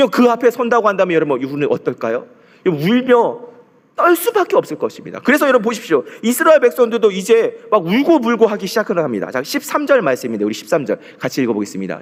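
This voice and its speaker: Male pastor preaching, high animated voice, long reverb of a church hall. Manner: preaching with questions to the congregation, leading scripture readings. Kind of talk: sermon. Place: church sanctuary.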